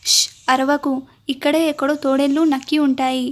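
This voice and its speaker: A playful young man who teases the queen he protects, read by a woman in her own voice. His lines sit high and come out even and level, with little rise or fall. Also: normal speed, lightly acted. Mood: teasing. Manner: teasing. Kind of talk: storytelling narration.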